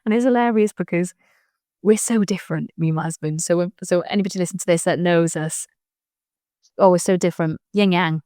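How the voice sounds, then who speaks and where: A woman, a joy coach and mother, chatting casually in an animated way, laughing often and using lots of fillers. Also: fairly low pitch, fairly quick, smooth, no room sound, clean studio sound. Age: adult mother. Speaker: joy coach and podcast guest. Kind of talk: casual conversation.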